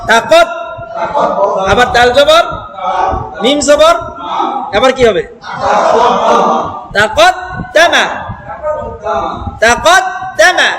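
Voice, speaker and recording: A man with a very high voice leads a recitation class, breaking words into syllables and calling for the group to repeat. He speaks slowly and deliberately. The room is echoey, with students' voices audible behind him. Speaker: Quran teacher. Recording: echoey hall with class noise. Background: students repeating aloud.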